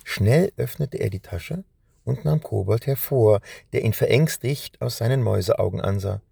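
A man narrating a scripted children's story in a calm, measured telling. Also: mid-range voice, creaky, breathy edge, no room sound, clean studio sound.

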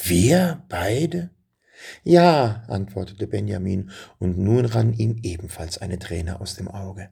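A man narrating a children's storybook in a calm, measured way and explaining a saying. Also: low-pitched, gravelly, slightly rough.

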